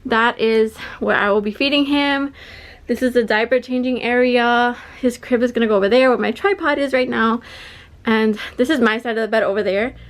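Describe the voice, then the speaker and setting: Breathless, chatty young woman vlogging. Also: fairly high pitch. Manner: chatty and excited, frequent "like". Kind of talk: casual vlog chat to camera. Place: bedroom at home.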